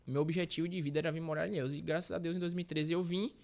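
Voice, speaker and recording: A man in his thirties from Bahia, Brazil, a street reporter appearing as a guest, tells his life story in a casual interview. He rambles, corrects himself, and uses slang fillers. His voice is on the high side, gravelly and a little mellow, with a steady tone and rapid-fire pace.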